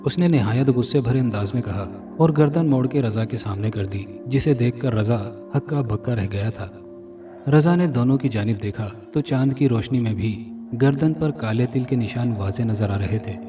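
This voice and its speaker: A man reading a scripted horror story dramatically, sounding a little far from the mic over loud music. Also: mid-range voice, normal speed. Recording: narration from a distance with loud music.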